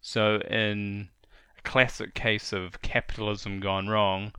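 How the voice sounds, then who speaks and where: Male co-host, low gravelly voice with a bright edge, dry close sound, casual and opinionated. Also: flat delivery, takes it slowly, dry recording. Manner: joking, opinionated. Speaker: podcast co-host. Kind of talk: casual movie review chat.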